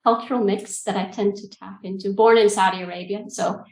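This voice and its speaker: A woman in her forties, from Egypt and the UK, answers interview questions in a calm, reflective manner, pausing often. She talks through an earbud mic on a video call. Her voice is a little gravelly and the room sounds echoey. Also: medium pitch. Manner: thoughtful, calm, hesitant with ums. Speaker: guest coach. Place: room with bookshelves. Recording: roomy video call audio.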